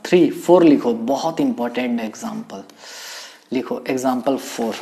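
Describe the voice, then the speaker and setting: A male teacher delivering a recorded lecture. He talks in a lively, playful way, with quick exclamations and repeated words for emphasis. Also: mid-range voice.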